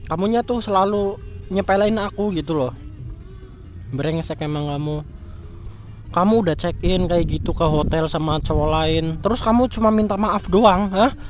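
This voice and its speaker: A man's voice: sits high, moderate pace, soft background music, lightly acted. A man playing a furious young man who scolds and curses his cheating fiancée in a scripted street drama. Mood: angry. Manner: angry scolding, cursing. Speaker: jilted fiancé.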